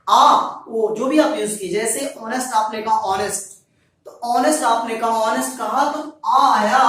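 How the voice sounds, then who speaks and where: A man's voice: extremely high pitch, a bit bright. A male teacher giving a grammar lesson to students, repeating each point and answering his own questions. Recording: very echoey room, voice far from mic.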